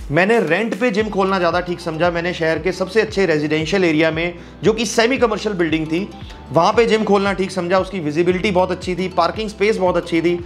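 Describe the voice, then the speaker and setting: A man in his thirties, a gym business coach, explaining to camera from a trophy-filled office, mixing English phrases into Hindi and gesturing constantly. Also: sits high. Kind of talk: direct-to-camera advice video. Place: office with trophy shelves, indoors.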